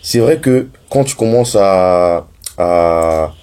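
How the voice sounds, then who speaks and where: A man who runs his own business, talking in a relaxed panel discussion, hesitant and full of restarts as he pushes back on the others. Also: deep voice, slow, clean tone. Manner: hesitant, many restarts, dissenting. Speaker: entrepreneur.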